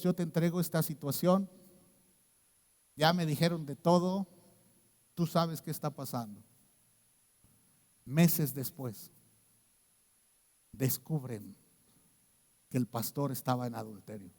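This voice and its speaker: Pastor preaching, kinda high voice, hushed then loud, big echoey church sound. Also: male voice, takes it slowly, long pauses. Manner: storytelling, swings from hushed to loud emphatic. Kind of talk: sermon.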